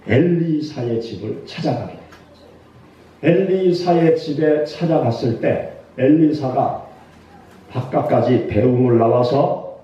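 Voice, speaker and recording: A man preaching a sermon as pastor, animated, acting out the quoted lines with sudden shouts. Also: fairly high pitch. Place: church sanctuary. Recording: distant, echoey, dull church sound.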